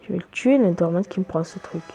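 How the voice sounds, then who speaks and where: A gamer doing casual let's play commentary, reacting out loud and exclaiming in frustration at the game. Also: mid-range voice, fast, creaky, a little hiss or hum. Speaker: gamer commentating own gameplay for viewers.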